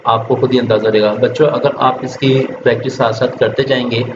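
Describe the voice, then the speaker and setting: A man gives a children's reading lesson in an even, flat voice. He sounds out each syllable slowly and explains with patience. The recording is dull and lo-fi, with steady background hiss. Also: mid-range voice. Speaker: Quran teacher. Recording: echoey room, dull lo-fi sound with steady noise.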